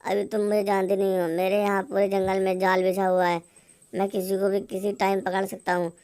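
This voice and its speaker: एक महिला कार्टून कहानी में एक बूढ़े, डींग मारने वाले और धमकाने वाले जंगल के चोर की आवाज़ सपाट कथा-वाचन अंदाज़ में पढ़ रही है।. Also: female voice, mid-range voice, brisk, clear, resonant tone, lightly acted. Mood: threatening. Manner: monotone storybook reading. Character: old male forest thief, boastful and threatening.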